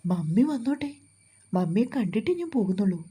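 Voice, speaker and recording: A woman voicing a lively young woman who teases and pleads playfully, in a storybook reading. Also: medium pitch, fairly quick, slightly rough. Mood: teasing. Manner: playful, teasing, pert.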